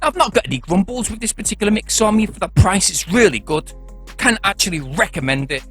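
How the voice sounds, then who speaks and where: A man's voice: high-pitched, lively intonation, fast talker, a bit bright, faint music behind. A man giving a chatty, jokey product review in a casual, upbeat way.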